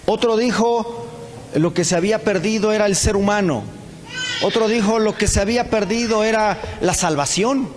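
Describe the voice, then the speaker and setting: A man preaches in a high, lively voice, switching into quick acted dialogue for the characters in his story. His voice rings out through a large church hall with long reverb. Faint ambient noise sits behind him. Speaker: pastor. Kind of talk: sermon.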